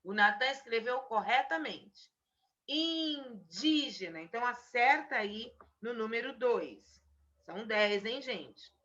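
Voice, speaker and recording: Bright-voiced teacher over a dull call. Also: female voice, a little high. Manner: patient, drawn-out dictation of single words. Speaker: primary school teacher. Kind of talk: remote spelling lesson for children. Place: home, on a video call. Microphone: video call mic. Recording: dull lo-fi video call audio.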